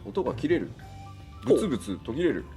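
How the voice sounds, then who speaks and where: A man's voice: medium pitch, very animated, very fast, music in the background. A man presenting a live broadcast in a casual, polite conversational way.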